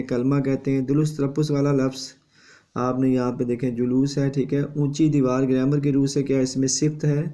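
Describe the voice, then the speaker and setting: A man teaches an exam revision lesson. His voice is mellow and dark, and his pitch stays flat as he lectures steadily. He adds a confirming tag after each point.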